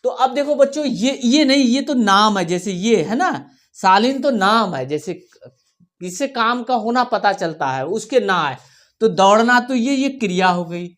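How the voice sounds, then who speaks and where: A woman teaching a children's workbook lesson, reading words slowly and repeating them for the class to follow, often checking in as she goes. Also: a little high, expressive. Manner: slow, repeats words for children to read along; checks in often with "theek hai". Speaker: primary school teacher.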